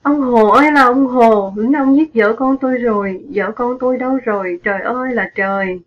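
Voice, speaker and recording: A woman's voice: mid-range voice, moderate pace, lo-fi sound, close to an everyday voice. A woman reading as a grieving ex-soldier father. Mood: wailing. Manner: mournful, wailing lament. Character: grieving poor middle-aged ex-soldier father.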